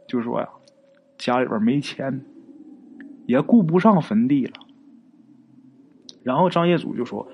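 A man's voice: medium pitch, darkish tone, a little hiss or hum. A man narrating a ghost story in a chatty, folksy way, drawing out particles and speaking straight to his listeners.

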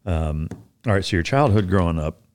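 A man's voice: sits low, animated, normal speed, a little mellow, slight background noise. A man hosting a podcast, chatting in a laid-back way with frequent fillers and blunt, casual swearing. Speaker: podcast host. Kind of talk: casual interview chat.

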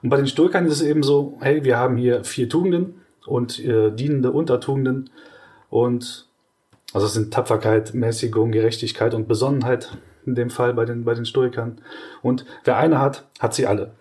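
A man co-hosting a podcast, explaining ideas in casual conversation with hesitant restarts and lively, exaggerated examples. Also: mid-range voice, moderate pace. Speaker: podcast co-host.

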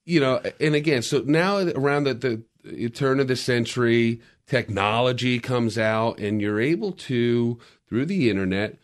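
A man's voice: medium pitch, measured pace, few pauses. A man in a casual podcast discussion, explaining media history in a lecturing way with frequent restarts.

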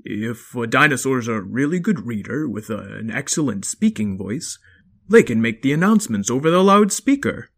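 A man voicing a gruff but kindly, hardworking dinosaur father in a children's story, speaking in a folksy, firm and encouraging way. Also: mid-range voice, very animated, moderate pace, fairly bright tone. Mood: explaining.

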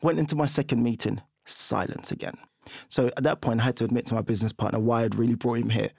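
A man, a guest telling lively stories in a casual podcast interview and laughing often. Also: mid-range voice, fast talker, vocal fry, husky, dry recording, clean studio sound. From London, England. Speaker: guest, property investor.

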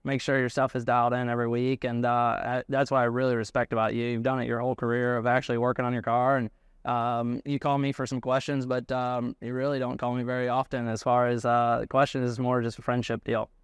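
Fast-talking man with a smooth voice. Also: medium pitch, level tone, no echo. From United States. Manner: quick, sincere, with many fillers. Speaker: race car builder, guest. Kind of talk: casual conversation.

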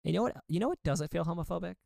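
Female podcast co-host, playful and conversational, creaky but clean tone, very dry sound. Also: on the low side, rapid-fire, mellow, no room sound. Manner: playful, joking. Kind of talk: casual chat.

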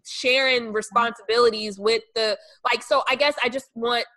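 Bright-voiced, reflective woman. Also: a little high. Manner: thoughtful, hesitant, many fillers. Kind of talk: casual chat.

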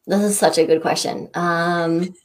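A woman guest coach answering interview questions thoughtfully, pausing with frequent ums. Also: fairly low pitch, fairly even intonation. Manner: thoughtful, searching for words, with many ums.

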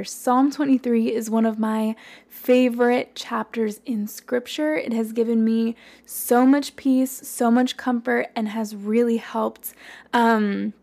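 Slightly hoarse woman with a creaky, higher-pitched voice. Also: a little mellow. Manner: earnest, encouraging. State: slightly hoarse, worn voice from recording the day before. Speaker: podcast host. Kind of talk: Bible study podcast talk.

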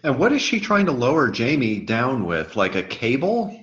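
A man casually chatting through a movie commentary, relaxed, explaining film trivia. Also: medium pitch, moderate pace, roomy sound, lo-fi sound. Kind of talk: casual movie watch-along chat.

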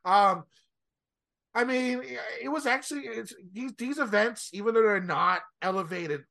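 A man's voice: sits high, unhurried, creaky, bright, forceful tone. A man co-hosting a golf podcast, giving a casual, stop-start, rambling recap of tournament play. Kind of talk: casual sports recap commentary.

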